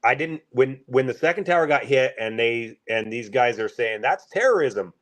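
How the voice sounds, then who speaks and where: A man from the Pacific Northwest, a truck driver, telling a story in a casual, rambling, halting way with many fillers. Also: medium pitch, fairly even intonation, fairly bright tone.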